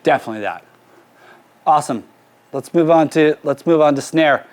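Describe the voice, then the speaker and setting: A music producer hands out informal instructions to his crew during a mixing demo in a drum studio equipped with a PA, in a casual, directive tutorial. He speaks at normal speed in a voice on the high side, with slight background noise present.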